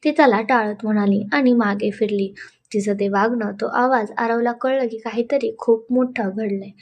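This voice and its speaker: A woman reading a romantic serial story aloud in a dramatic, emotive way. Her voice sits a little high, and she leans into the tense moments. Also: steady tone, moderate pace. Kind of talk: dramatic audio story narration.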